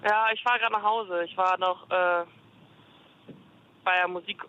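A woman's voice: fairly low pitch, steady tone, a little slow, sharp tone. A woman calling into a radio show on a hands-free phone from her car, answering in short, hesitant bits with fillers. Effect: hands-free phone call from a moving car. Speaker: caller. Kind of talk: call-in radio chat. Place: car on the road. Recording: dull lo-fi phone line.

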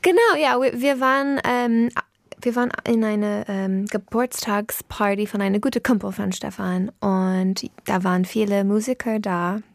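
A woman's voice: medium pitch, fairly even intonation, moderate pace, vocal fry, no echo. A woman from the United States, a native English speaker, speaks German with an American accent in a casual studio interview, making grammar slips and searching for words. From Pennsylvania, United States. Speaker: interview guest, singer.

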